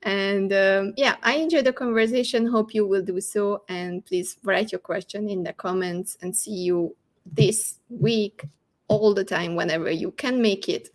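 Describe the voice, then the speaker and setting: A woman hosting an online interview show, chatty and quick to laugh. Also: mid-range voice, fairly even intonation. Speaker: host.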